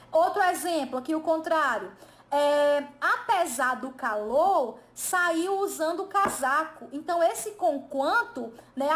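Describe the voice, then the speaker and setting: A Brazilian woman teaching an exam review lesson, explaining step by step and posing questions that she then answers herself. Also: sits high. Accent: Brazilian Portuguese. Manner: didactic, asks and answers her own questions. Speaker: Portuguese teacher.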